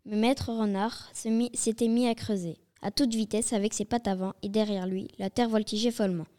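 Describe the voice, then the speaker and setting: A woman's voice: mid-range voice, fairly even intonation, normal speed, dark tone. A woman reading a storybook aloud with a partner, stumbling now and then on words. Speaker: reader.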